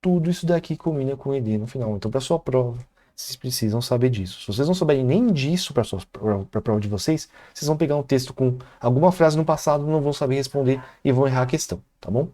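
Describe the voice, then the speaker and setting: Mellow-voiced Brazilian man teaching English. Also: mid-range voice, fast talker. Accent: Brazilian Portuguese. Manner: explanatory, peppers sentences with "tá?" and "né?". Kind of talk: online exam-prep lesson.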